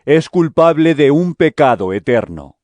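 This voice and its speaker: An actor playing Jesus as a calm, authoritative teacher, speaking solemnly and deliberately in a dramatized audio Bible. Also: male voice, fairly high pitch, dry recording. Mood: solemn warning. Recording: music under the voice.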